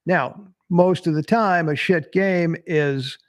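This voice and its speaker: A man's voice: a little high, takes it slowly, dry recording. A man hosting casual sports commentary, blunt and swearing freely, laughing at himself as he answers chat. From Tennessee. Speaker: sports podcast host. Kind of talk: casual live-stream commentary reading chat.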